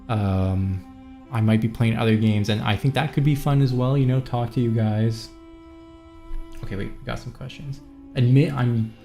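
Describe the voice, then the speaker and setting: A man from Montreal, Canada rambles loosely with viewers on a live stream, scattering his thoughts and reading chat messages aloud. His voice is on the low side with a dark tone.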